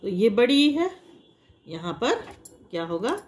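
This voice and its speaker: A woman's voice: on the high side, sing-song, slow. A woman teaching a language lesson to children, explaining patiently with repeated examples and drawing out vowel sounds to demonstrate them. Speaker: Hindi teacher.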